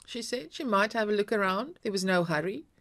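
A woman reading a short story aloud in a measured, expressive way. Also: medium pitch. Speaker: story reader.

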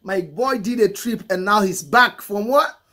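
A middle-aged man with a husky voice, reacting to a song in casual commentary and repeating phrases for emphasis. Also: high voice, a little slow. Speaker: music reaction host. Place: indoor room, photo-covered wall. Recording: music playing faintly behind. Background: hip hop song.

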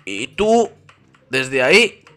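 A man's voice: mid-range voice, big pitch swings, extremely slow, pushed and bright, clear, resonant tone. A man, chatting and laughing playfully during co-op gameplay as a gaming YouTuber. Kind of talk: casual co-op gameplay chat.

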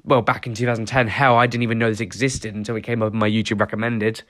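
A man's voice: on the low side, little pitch movement, fast, a bit bright. A teenage boy doing sarcastic reaction commentary on a reality show, mocking and swearing freely. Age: teens. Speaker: YouTube commentator.

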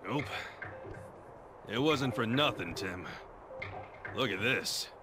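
A man's voice: mid-range voice, expressive, drawn-out words, noisy background. A man voicing a small, shrewd detective creature in a video game, speaking in an assured, knowing way. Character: small male Pikachu detective, confident and shrewd. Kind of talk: video game cutscene acting. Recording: game audio under loud music.

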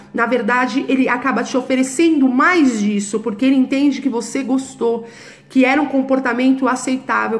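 A woman dog trainer, giving a direct, instructive talk to camera and checking in with her listeners. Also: sits high.

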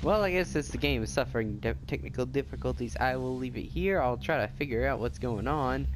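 A man's voice: medium pitch, a little fast, background noise. A young man hosting a let's play, chatting casually and trash-talking the game as he plays. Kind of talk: casual gameplay commentary. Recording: game music loud behind voice.

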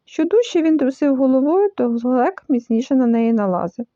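A woman reading a children's story aloud in an expressive, animated way. The recording is dull and lo-fi. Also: high-pitched, normal speed, dry recording. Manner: lively, animated, full of voices.

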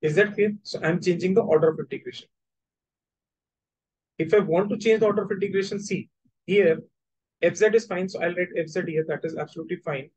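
North indian guy doing a whiteboard maths lesson, fast talker, husky voice, repeats himself a lot. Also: high voice, fairly even intonation, a little mellow, rough recording. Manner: repetitive explaining, switching between languages, checking understanding. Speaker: maths teacher.

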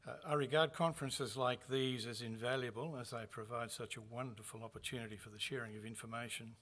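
A man, a university executive, opening a conference with a measured, formal address that carries light touches of humor. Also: medium pitch, steady tone, a bit bright. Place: conference venue.

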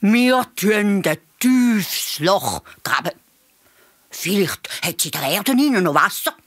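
A woman's voice: medium pitch, slow, no echo, clean studio sound, voice pushed up. A woman with a Swiss German accent voicing a clever male fox who calls out an idea eagerly in a storybook tale. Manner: eager, excited calling out. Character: sly clever fox, small male animal.

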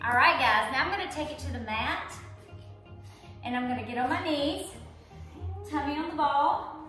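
A woman's voice: sits high, normal speed, sharp tone. A woman working as an aerobics instructor, cueing and counting exercises with encouragement as she does them herself in a living room. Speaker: aerobics instructor leading a core workout. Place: living room with hard wood floor, indoors. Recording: very echoey room, faint music behind.

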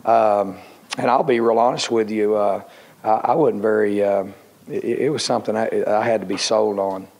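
A middle-aged man, a head football coach, talking at a post-game press conference into a table microphone, rambling and halting with many fillers and restarts. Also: lowish voice, steady tone, darkish tone. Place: indoor press room.

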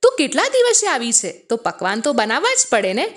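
A woman voicing a fond, caring middle-aged mother who speaks gently and coaxingly. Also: high-pitched, huge pitch swings, fairly quick, exaggerated voice. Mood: gentle.

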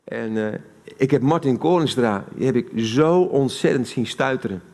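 His pitch is medium and his pace moderate, with a slightly mellow quality. The man, a preacher with a Dutch accent, gives a live sermon in a church hall, speaking conversationally and questioning the congregation.

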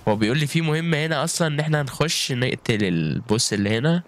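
A man's voice: medium pitch, animated, racing, a little hiss or hum. Egyptian male gaming creator, chatty running commentary aimed at viewers, mid-range voice. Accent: Egyptian Arabic. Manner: chatty, keeps calling out to viewers with frequent exclamations. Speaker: gaming YouTuber. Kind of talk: live gameplay commentary.

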